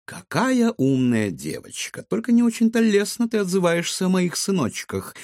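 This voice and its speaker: A man voicing a scheming middle-aged woman, a fortune-teller villain, who talks slowly in a drawling, mock-sweet way. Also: sits high, huge pitch swings, a little mellow, no echo, clean studio sound, voice pushed up, exaggerated voice. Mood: gloating.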